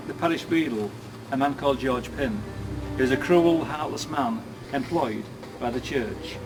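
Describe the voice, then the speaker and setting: A man working as a ghost walk guide, telling grim stories theatrically in short, emphatic, projected phrases outdoors. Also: fairly high pitch. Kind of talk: theatrical ghost-story storytelling to a tour group. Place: outdoors in a city street. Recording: distant outdoor microphone, music behind.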